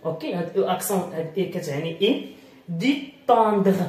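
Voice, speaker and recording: A woman's voice: lowish voice, expressive, a little mellow, far from the mic. Moroccan woman teaching French reading. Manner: slow, repeating words and sounding them out. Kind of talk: reading lesson explaining French in Arabic. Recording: echoey room, voice off-mic.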